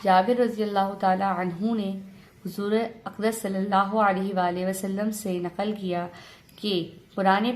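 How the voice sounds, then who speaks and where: Woman teacher drilling syllables slowly. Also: medium pitch. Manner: spells syllables slowly and loudly, then talks quickly. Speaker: Quran reading teacher. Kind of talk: online lesson with slow spelled-out drills.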